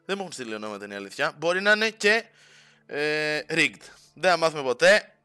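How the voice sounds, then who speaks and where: A man's voice: fairly high pitch, expressive, bright, forceful tone, clear, resonant tone, soft background music. A young man streaming live, chatting casually with his viewers, teasing them and dropping English slang. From Greece. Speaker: Twitch streamer. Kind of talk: casual livestream chat to viewers.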